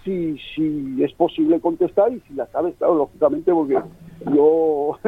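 A man's voice: a little high, fairly even intonation, measured pace, slightly rough, no room sound. A man calling in to a radio talk show over the phone from a bar terrace, speaking politely and hesitantly. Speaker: radio caller. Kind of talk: call-in comment on talk radio. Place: bar terrace outdoors in a village. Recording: tinny muffled phone line.

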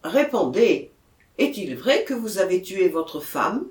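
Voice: mid-range voice, big pitch swings, takes it slowly. A reader voicing a firm, insistent police commissioner, in a storybook reading with a roomy echo. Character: firm police commissioner, middle-aged man.

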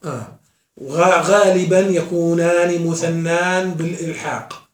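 A man's voice: a little high, fairly even intonation, unhurried. A man teaching a class as a sheikh, often asking his students questions and answering them himself. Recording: echoey room, mic far off.

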